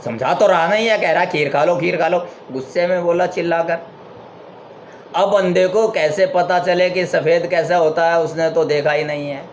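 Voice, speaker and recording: A man giving a spiritual talk, retelling a parable step by step and stopping to ask his listeners questions. His voice sits a little high for a man. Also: steady tone, moderate pace, slight background noise. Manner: explains by retelling and rhetorical questions. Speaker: spiritual speaker.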